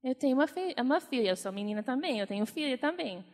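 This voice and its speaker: Woman preacher, earnest and encouraging, slightly high voice, reverberant hall. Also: animated, fast, a little mellow. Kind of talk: conversational sermon.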